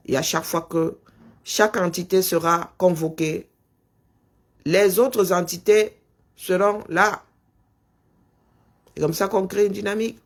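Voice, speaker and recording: Insistent high gravelly Cameroonian man. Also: fairly even intonation, unhurried, long pauses. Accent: Cameroonian French. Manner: insistent, rhetorical questions, dictates punctuation aloud. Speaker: live stream host. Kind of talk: political live-stream commentary.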